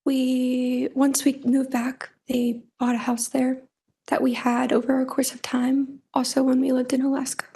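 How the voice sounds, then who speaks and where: A woman's voice: high voice, monotone, a little slow, creaky, warm tone, breathy edge. A young woman giving courtroom testimony as a witness, with brief, plain, reserved answers. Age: young adult.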